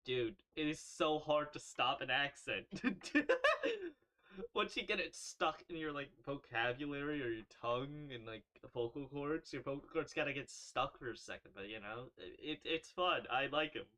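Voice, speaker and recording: A man's voice: mid-range voice, normal speed. A man streaming a story game, reading the text aloud and commenting casually, often laughing and correcting himself. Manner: animated, laughing, swearing, self-correcting.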